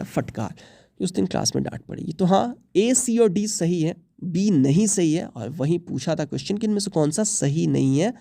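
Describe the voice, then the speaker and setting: A young man with an Indian English accent walks students through exam questions, mixing English terms into his Hindi. His voice is mellow and his recording sounds dry and close. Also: fairly high pitch, vocal fry, dry recording. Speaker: English teacher. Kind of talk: exam prep lesson.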